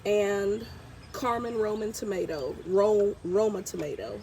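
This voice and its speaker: A woman's voice: medium pitch, a little slow, dark tone, a little hiss or hum. A congested woman vlogging as she plants her garden outdoors, chatty and thinking aloud while she works. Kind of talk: casual vlog narration while gardening. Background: birds and outdoor ambience.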